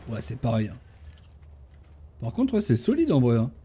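A man giving casual gameplay commentary, talking to his tamed animals and bursting into excited shouts during fights. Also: medium pitch, normal speed, a little hiss or hum. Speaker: gaming YouTuber.

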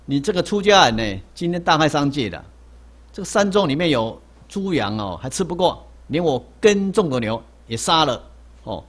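A man voicing a rough, angry farmer who scolds and accuses a monk, told inside a sermon story. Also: fairly high pitch, big pitch swings, normal speed, fairly bright tone. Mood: angry accusing.

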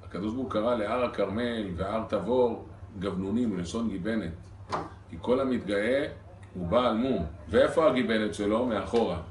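A male rabbi teaching a congregation, keeping it lively with rhetorical questions to his listeners. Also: lowish voice, a little hiss or hum. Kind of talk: Torah lesson to a congregation. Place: synagogue hall. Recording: echoey hall recorded from a distance.

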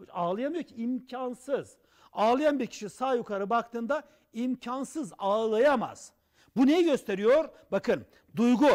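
Man coaching on tv, really high voice, super animated, keeps asking the audience questions. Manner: animated, acts out examples with gestures; rhetorical questions. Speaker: personal development coach. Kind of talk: TV talk show monologue. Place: TV studio.

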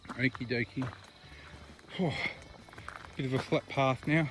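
A hiker vlogger in his thirties with an Australian accent talks casually to camera on a bush trail at night, puffing for breath between phrases. His mid-range voice is steady and unhurried, with music in the background. The camera is held close at arm's length.

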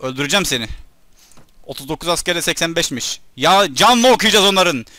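Excitable man doing game commentary. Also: a little high, a little fast, no room sound. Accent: Turkish. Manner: excitable, shouts at enemies during battle. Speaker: gaming YouTuber. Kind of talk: casual let's-play commentary.

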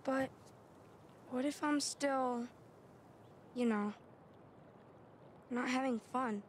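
A woman's voice: sits high, drawn-out words, a little hiss or hum. A woman voicing a hesitant, earnest, downcast young boy in a naturalistic video game scene.

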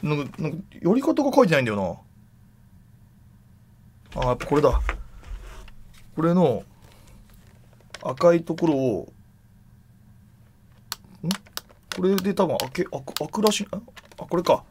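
A man streaming live, chatting casually in rough slang with loud exclamations while he handles and examines an object. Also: a little high, sing-song, a little slow, pauses often, slight background noise.

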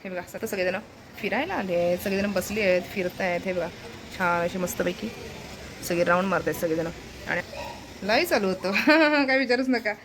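A woman's voice: medium pitch, fairly quick. A woman chatting casually to her viewers in a home vlog, talking straight to the camera and cooing to her pet now and then. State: low-voiced from fasting. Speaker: vlogger.

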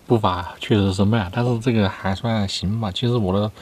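A man's voice: fairly low pitch, fairly even intonation, fairly quick, a little mellow. A man in his thirties chatting casually to camera between bites while eating inside a car. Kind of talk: casual mukbang chat.

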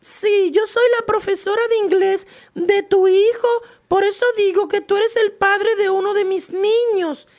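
A woman voicing an offended schoolteacher who scolds in a shrill, loud voice. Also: fairly even intonation, a little slow.

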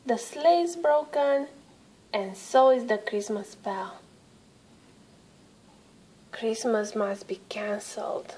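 A woman voicing a jolly, excitable old Santa Claus from a storybook, exclaiming and repeating phrases dramatically. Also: on the high side, slow, pauses often, husky, poor audio. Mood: flustered, dismayed.

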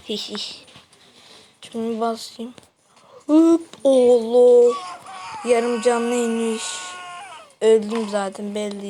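A woman with a fairly high voice talks slowly and casually over a game, breaking into dramatic cries and wails as her character keeps falling. The recording carries a clear layer of background noise. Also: a little mellow, poor audio. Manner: dramatic yelps and wails at each fall, slow chatty talk. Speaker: gaming video host. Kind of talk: casual gameplay commentary.

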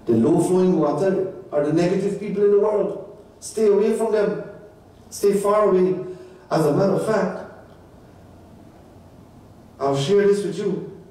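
Man, sermon, very slow delivery, echoey temple hall. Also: warm tone, distant mic. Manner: slow, preaching, pitch swinging high and low for emphasis, addresses devotees.

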